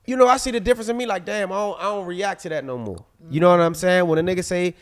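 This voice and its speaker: A man's voice: high-pitched, fast. A man co-hosting a casual podcast chat, candid and emphatic, circling back to repeat his points. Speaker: podcast co-host.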